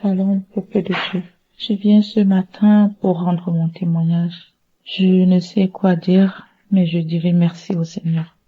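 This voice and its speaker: Earnest woman, low-ish voice, muffled. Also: little pitch movement, a little slow. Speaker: caller giving a testimony. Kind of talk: recorded voice-message testimony.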